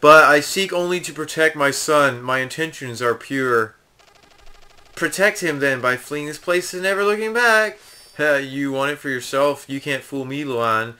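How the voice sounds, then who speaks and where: A man's voice: fairly high pitch, lively intonation, moderate pace, sharp tone, smooth. A man voicing a pompous, theatrical video game hero, reading the dialogue aloud. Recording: game music behind.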